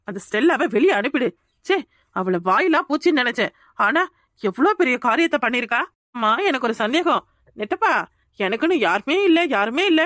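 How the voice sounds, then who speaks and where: A woman's voice: high-pitched, a bit bright, no echo, studio quality. A woman voicing a jealous young wife in a Tamil cartoon, scolding and sarcastic. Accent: Tamil Nadu Tamil. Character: jealous young wife, sharp-tongued and sulking. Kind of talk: cartoon dub voice acting.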